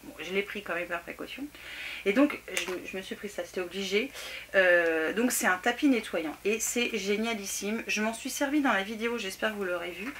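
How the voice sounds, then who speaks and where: Chatty bright-voiced French woman vlogger. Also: mid-range voice, fairly quick, a little hiss or hum. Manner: chatty, laughing, self-mocking, lots of fillers. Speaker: craft vlogger. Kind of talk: casual haul chat to camera. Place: home room near a table.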